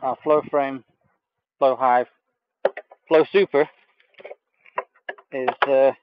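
Very slow and mid-range, a man's voice runs through a live beekeeping stream as he checks a hive outdoors, easygoing and full of fillers. The camera mic records him off frame with lo-fi sound.

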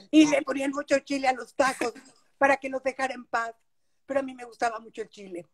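An older woman with a Mexican Spanish accent and a noticeably high voice tells stories from her childhood. She speaks warmly and nostalgically, often affirming what she says. The audio comes from a video call made at home. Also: steady tone, moderate pace. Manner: warm nostalgic storytelling with frequent affirmations. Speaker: interview guest, actress. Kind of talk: casual reminiscing.

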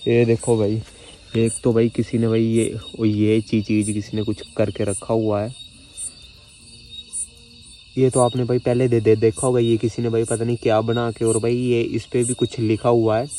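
A twenty-something vlogger with a mellow, medium-pitched voice films his solo camping trip, out in the forest at night and in a small tent, holding the phone at arm's length. He sounds nervous, stumbling and restarting words, with slight hiss or hum in the audio.

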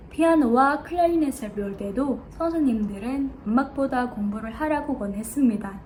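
A woman's voice: on the high side, dark tone, rough recording. A young woman with an Indonesian accent gives a formal, rehearsed contest speech. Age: young adult. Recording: clear background noise.

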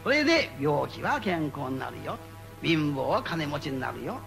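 A man giving spoken Buddhist guidance to a gathering, playful and animated, repeating phrases for emphasis. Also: a little high, normal speed, gravelly, over music. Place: meeting before a live audience.

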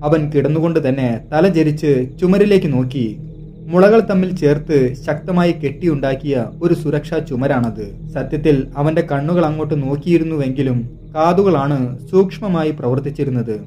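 Male storyteller, mellow, slightly high voice, suspenseful scripted narration over soft music. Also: normal speed. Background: soft background music.

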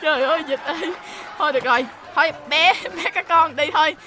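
A woman hosting a game role-play, narrating to viewers in an excitable, exclamatory, chatty way. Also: high voice, fast talker, music in the background. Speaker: host.

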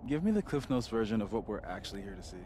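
A man's voice: lowish voice, very animated. A flustered young guy who rattles off his words at speed. His voice sits in a middle range over background noise. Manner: rapid, distracted rambling. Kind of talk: video game voice acting.

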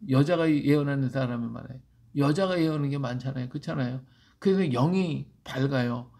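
A man's voice: medium pitch, brisk, gravelly, dark tone. A man preaching as a pastor, reading scripture aloud and explaining it, often asking his listeners "예?" to pull them along. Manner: emphatic, asks the congregation "예?" for agreement. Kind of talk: Bible reading with sermon commentary.

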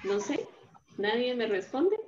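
A woman teacher leading an online primary school lesson, patient and methodical, often checking that her pupils follow. Her voice sits a little high and carries some room echo. The call audio is slightly dull. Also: lively intonation, measured pace, a little mellow. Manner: patient, explains step by step, often checks with "¿verdad?". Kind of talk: online class instruction.

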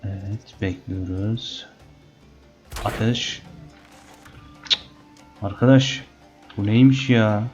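A man's voice: lowish voice, slow pace, long pauses, highs cut off, soft background music. A man commenting on his gameplay and playfully taunting the animals in the game. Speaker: gaming channel host. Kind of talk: Let's Play commentary.

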